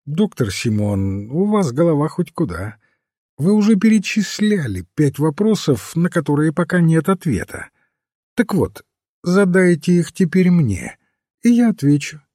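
A man voicing a mild, patient little priest detective who answers calmly and cryptically. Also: on the high side, measured pace, no echo, studio quality, voice pushed up. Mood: calm, cryptic. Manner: calm, gently cryptic.

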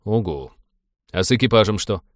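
A man's voice: on the low side, lively intonation, moderate pace, no room sound, lightly acted. A man voicing a weary, sarcastic male starship captain with a dry wit.

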